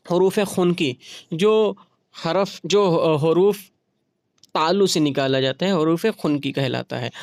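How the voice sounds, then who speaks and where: A man with a fairly high voice teaches a grammar lesson at a very unhurried pace, sounding out each letter and repeating it so learners can follow along. The recording is dry and close, with no room sound. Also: no room sound. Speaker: Urdu teacher.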